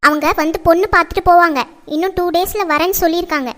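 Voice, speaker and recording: A woman's voice: very high-pitched, steady tone, fast talker. A woman acting as a strict, fretful middle-aged mother who lectures her grown daughter. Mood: persuading. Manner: scolding, lecturing. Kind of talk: family drama acting.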